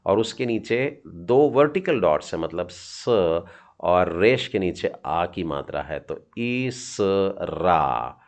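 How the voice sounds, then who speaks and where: A man's voice: low voice, animated, takes it slowly, a little mellow. A middle-aged man teaching a children's Hebrew lesson, patiently sounding out each letter and encouraging his students.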